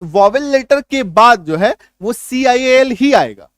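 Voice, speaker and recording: A male teacher giving an online spelling lesson, who explains slowly, spells words out letter by letter and keeps checking in with his listeners. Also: extremely high pitch, expressive, fairly bright tone, clean tone, dry recording, clean studio sound. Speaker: English teacher.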